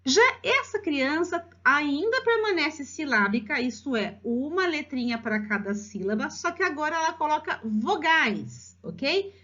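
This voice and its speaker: A teacher with a Brazilian Portuguese accent lively explains children's writing levels to parents, slowly drawing out words syllable by syllable in her high voice. The recording is slightly dull and lo-fi.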